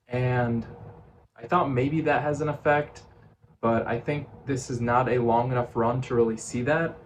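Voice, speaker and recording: A man's voice: medium pitch, slight background noise. A man giving a casual, reflective vlog monologue, thinking aloud in short phrases. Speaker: vlogger.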